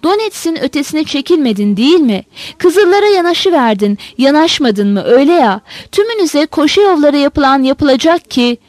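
A vicious young Cossack spitting out threats in a hoarse, furious voice, read by a woman. The voice stays high and sits close and dry. He sounds menacing and scornful. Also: lively intonation, normal speed, darkish tone, dry recording. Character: angry young Cossack man, cruel and threatening.

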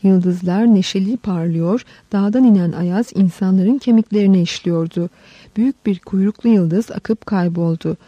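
A woman narrating a historical story in a measured, dramatic reading. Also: mid-range voice, warm tone, no echo, muffled recording. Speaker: audiobook narrator.

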